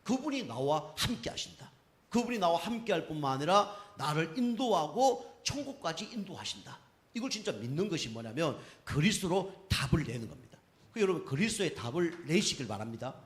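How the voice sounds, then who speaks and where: Middle-aged male pastor, sermon delivery, lively pitch, a bit high, emphatic, keeps checking in with the congregation. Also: fairly quick. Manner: frequent rhetorical tag questions to the congregation; emphatic, rising on key phrases.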